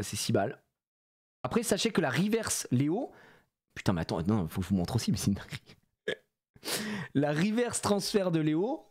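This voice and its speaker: A man streaming live as he opens trading cards, excitable, swearing and bantering with his chat. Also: fairly high pitch. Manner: excitable, swears, shouts when disappointed; animated, playful banter with chat. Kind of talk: live card-opening stream.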